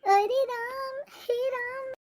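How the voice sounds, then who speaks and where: A harsh, demanding old grandmother snaps out shrill, very high-pitched complaints. She is a hard-to-please cartoon elder who keeps finding fault. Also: fairly even intonation, drawn-out words, exaggerated voice. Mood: scolding. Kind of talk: cartoon voice acting.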